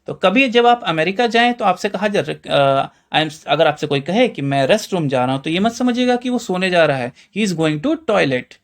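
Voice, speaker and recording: A man's voice: high-pitched, lively intonation, normal speed, few pauses. A man with an Indian Hindi accent gives a chatty vocabulary lesson, quizzing listeners with rhetorical questions and calling them friends. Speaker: English teacher. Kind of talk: classroom-style explainer lesson.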